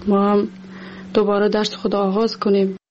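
A woman's voice: mid-range voice, flat delivery, a little mellow. A woman with an Afghan accent speaking in an interview clip as a student. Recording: dull lo-fi, faint noise.

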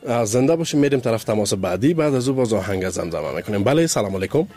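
A man's voice: fairly low pitch, animated, very noisy. A man with an Afghan Dari accent hosting a radio show, chatting and teasing in a friendly way and welcoming callers. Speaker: radio host. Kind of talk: casual radio chat. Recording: radio studio broadcast.

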